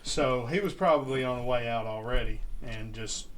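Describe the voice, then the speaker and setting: A man chatting casually about sports as a co-host. His talk is folksy and rambling, full of restarts and plain-spoken turns of phrase, at a middling pitch. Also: normal speed, slight background noise. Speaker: podcast co-host.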